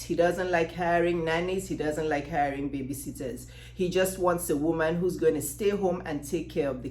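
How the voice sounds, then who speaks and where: Dating coach, female, Nigerian Yoruba accent. Lowish pitch, emphatic delivery full of rhetorical questions, echoey room sound. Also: warm tone. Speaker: dating advice coach and host. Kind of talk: direct-to-camera advice talk. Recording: roomy, echoing sound.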